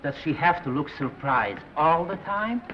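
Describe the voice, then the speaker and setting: A man's voice: fairly high pitch, expressive, unhurried, slight background noise. An actor playing a fussy, grumbling male makeup artist in a 1930s film. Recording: dull 1930s film soundtrack, far.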